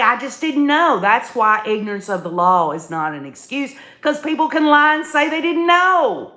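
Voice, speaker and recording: A livestream host delivers opinionated live commentary in a high, pushed, bright voice. She speaks to her listeners directly and folksily, with emphasis and repeated phrases, and the room sounds echoey.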